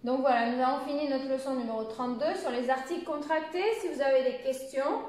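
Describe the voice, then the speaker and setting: High-voiced French teacher in echoey room. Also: female voice, a little mellow. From France. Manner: slow, careful enunciation of example phrases. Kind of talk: beginner language lesson.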